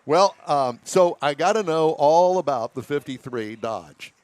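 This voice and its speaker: A man's voice: a little high, animated, a little slow, a little mellow, no echo. A folksy, jokey man hosting a live radio show with casual, rambling chat. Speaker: radio car show host. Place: live remote broadcast at a car show. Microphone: broadcast headset.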